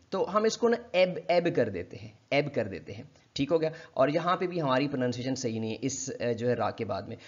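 A Pakistani-accented man gives an online lesson on English pronunciation. His voice sits a little high and he explains politely, repeating each example word slowly. The recording is muffled and lo-fi. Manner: polite, formal phrasing.

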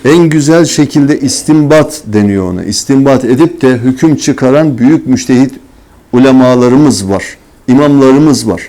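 A man preaching in a warm, mellow voice, asking the room rhetorical questions and answering them himself. He often slips into a scolding, mocking tone when he talks about hypocrites. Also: medium pitch, normal speed. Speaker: religious teacher. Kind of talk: sermon-style religious talk.

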